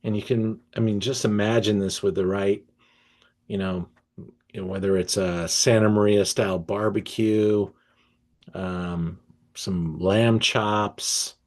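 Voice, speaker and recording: A man hosting an online wine tasting, reading tasting notes aloud and breaking off to react with enthusiasm, often pausing with fillers and restarts. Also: lowish voice, fairly even intonation. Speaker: wine merchant presenting a tasting.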